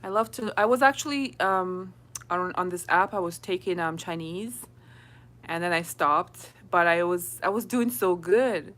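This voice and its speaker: A woman's voice: on the low side, a little slow, fairly bright tone. Chatty woman hosting a live chat. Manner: chatty, laughs often, reads and answers comments. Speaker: livestream host. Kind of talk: casual live chat with viewers.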